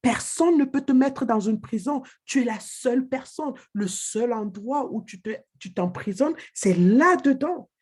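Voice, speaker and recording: A woman's voice: fairly high pitch, lively intonation, unhurried, hardly any pauses, a little mellow, slightly rough. A woman giving a motivational training talk, emphatic and direct, repeating her key phrases to the listener. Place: living in England.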